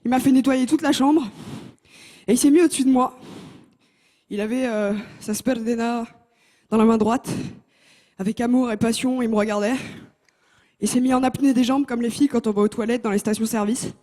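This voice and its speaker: A young woman competing on a TV talent show performs a stand-up comedy routine on stage with a handheld mic. She speaks at normal speed in a fairly high voice, pausing often, and keeps a lively tone while teasing the audience.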